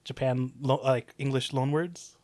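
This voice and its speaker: A man's voice: mid-range voice, fairly even intonation, unhurried, darkish tone, no echo. Laid-back young man on a dry mic. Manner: hesitant restarts, laid-back explaining. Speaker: podcast co-host. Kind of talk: casual chat.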